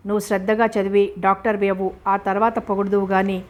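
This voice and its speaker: Teasing young heroine, bossy at times, read by a woman; level, flat delivery. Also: mid-range voice, a little fast, dull audio, close to an everyday voice. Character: young woman, playful and teasing, quick to feign anger.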